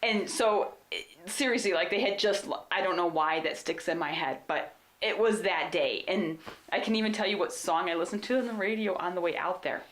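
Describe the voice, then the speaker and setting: A woman co-hosting a podcast, telling hunting stories in an animated, rambling way. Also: fairly low pitch, a little fast. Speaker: podcast co-host. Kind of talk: casual storytelling chat. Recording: roomy echo.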